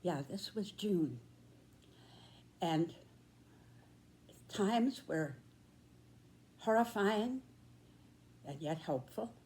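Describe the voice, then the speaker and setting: Very slow-speaking American woman in her nineties. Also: medium pitch, animated, a little mellow. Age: 90s. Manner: deliberate, solemn phrasing with dramatic pauses. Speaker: storyteller recalling own past. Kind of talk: reflective spoken reminiscence.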